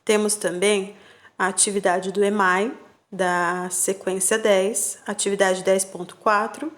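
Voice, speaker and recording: A woman teacher, giving patient, slow remote-class instructions to young children and spelling out syllables. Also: mid-range voice, little pitch movement, a bit bright. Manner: checks in with "tá bom?" and "combinado?". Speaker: primary school teacher.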